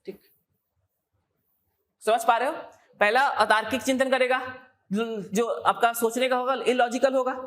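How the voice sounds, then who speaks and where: Female coaching-class teacher with a higher pitch, keeps asking students questions back. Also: steady tone, a little slow, long pauses, fairly bright tone. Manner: repeats key terms, quizzes students with questions. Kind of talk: exam coaching lecture.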